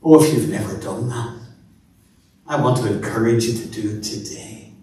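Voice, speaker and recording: A male minister preaching a sermon in earnest, repeating words as he builds emphasis, with touches of gentle storytelling humor. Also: medium pitch, moderate pace, slight background noise. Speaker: minister leading worship. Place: large church sanctuary. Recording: echoey church from a distance.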